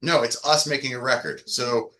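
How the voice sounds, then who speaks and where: A man from the Chicago area talks casually on a podcast, rambling easily through his explanations. His voice has a bright, forceful edge at a middle pitch. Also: steady tone, normal speed. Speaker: band member.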